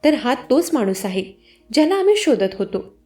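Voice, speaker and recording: A woman voicing a male police inspector who calmly explains the facts of a case. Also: very high-pitched, moderate pace, soft background music. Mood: explaining. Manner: matter-of-fact, explaining.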